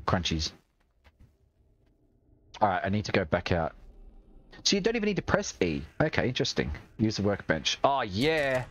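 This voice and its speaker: Australian man in lively, swearing game chatter. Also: fairly low pitch, dull audio. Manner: chatty, swears and jokes while playing. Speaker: streamer. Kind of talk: gaming livestream commentary.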